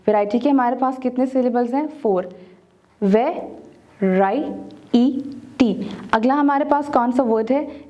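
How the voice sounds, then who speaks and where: A woman narrating a video lesson, teaching slowly and sounding out words syllable by syllable. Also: fairly high pitch, mellow. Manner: slow, deliberate, sounds out syllables one by one.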